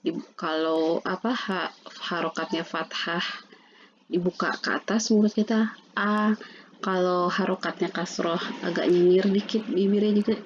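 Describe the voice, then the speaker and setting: A woman teaching Quran reading. She slowly drills syllables and repeats them, with many fillers. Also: fairly low pitch, fairly even intonation, slight background noise. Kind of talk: pronunciation lesson with drills. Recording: dull lo-fi sound.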